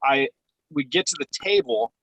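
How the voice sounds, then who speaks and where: Guy calling in from his parked car, bright voice, dry sound, lots of ums while he tells stories. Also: medium pitch, lively intonation, moderate pace, dry recording, rough recording. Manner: rambling, hesitant storytelling with many ums. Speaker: podcast guest. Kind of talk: casual chat.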